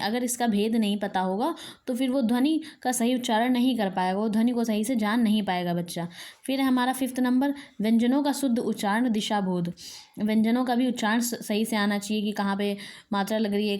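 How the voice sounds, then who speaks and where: A woman's voice: fairly high pitch, a little mellow. A woman teacher giving an exam-prep lecture, reading each point aloud and then explaining it again in plain words.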